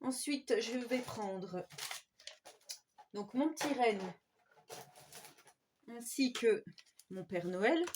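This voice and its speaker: A craft YouTuber from Haute-Marne, France, chats hesitantly through a casual DIY tutorial, often adding "hein." Her marked regional French accent carries Swiss border touches. Her fairly high, slightly mellow voice is animated, with drawn-out words and long pauses over a little hiss or hum.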